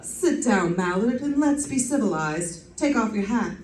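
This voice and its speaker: Sardonic and lightly acted, a woman's mid-range, slightly mellow voice brings to life a sassy private eye telling her own case in a staged old-time radio detective drama. She's expressive, measured, arch and wisecracking. The distant mic captures an echoey room and background music.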